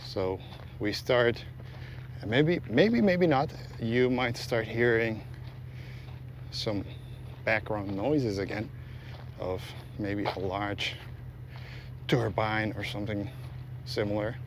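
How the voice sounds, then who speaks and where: A man's voice: on the low side, slow pace, pauses often. A man giving casual, rambling commentary as he hosts a walking vlog outdoors. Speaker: vlog host. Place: outdoors, walking along a road. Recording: faint outdoor ambient and vehicle noise. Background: faint ambience, vehicles.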